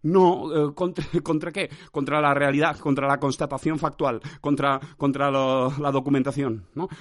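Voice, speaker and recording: Podcast guy rambling to himself, kinda high voice, goes loud then quiet, theatrical and self-mocking. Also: steady tone, moderate pace. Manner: wildly shifting loudness and pitch, shouting nonsense sounds. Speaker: podcast host. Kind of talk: experimental improvised monologue. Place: standing while recording.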